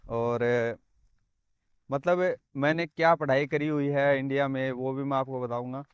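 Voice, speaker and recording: A man's voice: a little high, clean tone, no room sound, highs cut off. A young man from Rajasthan, talking earnestly in a casual vlog and often calling the viewer "brother". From Rajasthan, India. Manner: earnest, repeats phrases, says "bhai" often. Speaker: vlogger.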